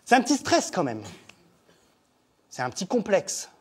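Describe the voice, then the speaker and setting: Performing his one-man show, this Corsican-accented actor speaks in a high, breathy voice with huge pitch swings. The comic monologue is chatty and self-deprecating, full of pause-laden lists.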